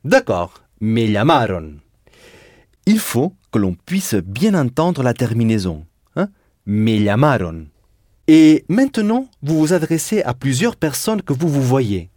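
A man's voice: fairly high pitch, big pitch swings, a little slow, few pauses, warm tone. A man teaching a Spanish lesson in French, patiently drilling verb endings and repeating students' answers. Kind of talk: language lesson drilling conjugations.

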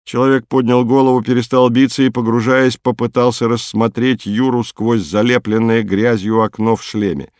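A man narrating an audiobook in a measured, even reading. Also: mid-range voice, dry recording, studio quality. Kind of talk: scripted narration.

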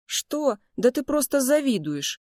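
A woman's voice: lowish voice, animated, moderate pace, darkish tone, no echo, clean studio sound, close to an everyday voice. A woman voicing a cocky, teasing young male twin who is always hungry, with a smug manner. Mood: whiny.

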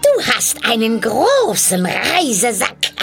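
A woman voicing a sly, ugly old witch who croaks, cackles and coaxes. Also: huge pitch swings, takes it slowly, faint music behind, heavily acted. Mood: coaxing. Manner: wheedling, cackling, sudden shrill rises.

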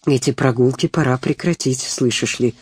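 Strict cold old grandmother, pedantic, dark tone, storybook reading, as a reader puts her on. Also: mid-range voice, normal speed, breathy edge, pitched below the performer's own voice, natural voice. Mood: stern.

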